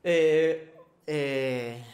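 A gaming YouTuber with a Spain Spanish accent gives comedic let's-play commentary, jumping between loud shouts and low muttering. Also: drawn-out words. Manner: animated, jokey, swings between shouts and mutters.

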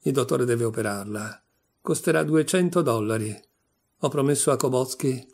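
A man reading a story aloud, voicing an aging, soft-hearted baker who speaks earnestly. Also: mid-range voice, moderate pace, vocal fry, breathy edge. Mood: solemn. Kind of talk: audiobook reading.

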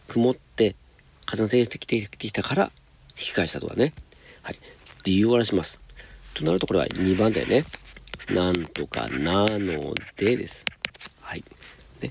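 A man teaching high school English, patiently explaining homework step by step and reading example sentences slowly. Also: sing-song, gravelly, noisy background. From Japan.

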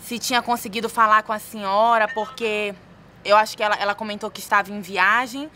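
A woman's voice: mid-range voice, fairly even intonation, a little fast, bright, forceful tone, slight background noise. A young woman with a Brazilian accent, speaking like a polite customer-service agent on an improvised phone call. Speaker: contestant making a prank call. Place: stone-walled room.

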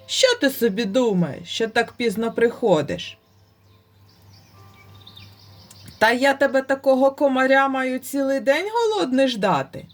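A woman's voice: high voice, expressive, moderate pace, voice pushed up. A woman playing a roaring, furious bear lord. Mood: scolding. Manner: roaring, blustering.

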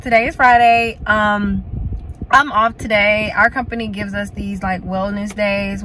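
A woman's voice: medium pitch, fairly bright tone, a little hiss or hum, low-quality recording. Chatty woman vlogging from her car. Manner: chatty, lots of "like" and "y'all". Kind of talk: casual vlog chat to camera. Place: parked car. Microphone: phone camera at arm's length.

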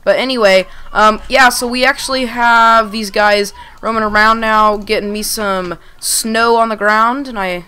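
A young woman casually talking through her gameplay, relaxed and rambling with plenty of ums. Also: fairly high pitch, a little slow, few pauses, clean tone. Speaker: gaming channel host. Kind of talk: casual let's-play commentary.

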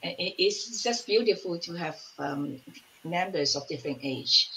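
Speaking from a home room over a laptop mic, this sixties-aged woman, an elder in her community and part of a collective, warmly spins stories on a casual panel video call, groping for words now and then. Her pitch sits on the low side, her intonation is lively and her pace moderate, though the recording is low-quality with faint hiss or hum.

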